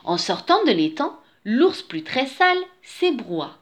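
A woman reading a children's story aloud in an expressive, sing-song way with a repeating refrain. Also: high voice, slow pace.

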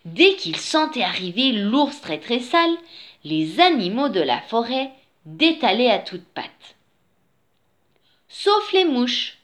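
Slow, sing-song woman reading a children's story. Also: on the high side. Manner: expressive, sing-song, repetitive phrasing.

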